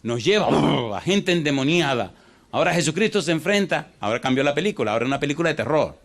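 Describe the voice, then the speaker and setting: A man preaching a sermon as pastor, animated, quizzing the congregation with repeated yes-or-no questions and swinging between rushed and drawn-out delivery. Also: fairly high pitch. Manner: animated, shifts pace from fast to drawn out.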